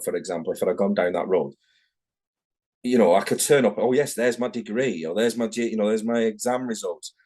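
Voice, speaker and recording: On a casual video-call interview, a tattoo artist in middle age from Manchester talks in a lowish, darkish voice. His Manchester English comes out frank and rambling, with frequent self-corrections.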